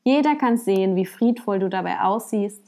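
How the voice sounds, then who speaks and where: A woman voicing a wise old male sage who speaks calmly and matter-of-factly in a told story. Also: mid-range voice, moderate pace, lightly acted.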